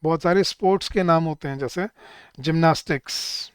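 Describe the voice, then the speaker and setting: Male grammar tutor, slightly high, smooth voice, dry close recording. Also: fairly quick, dry recording. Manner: lists word pairs, quizzes students, calls them guys. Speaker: English teacher. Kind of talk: online exam-prep grammar lesson.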